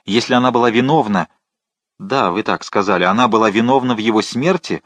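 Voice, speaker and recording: A man voicing a vengeful man disguised as a monk, speaking slowly, hard and commanding. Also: fairly low pitch, fairly bright tone, no echo. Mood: probing.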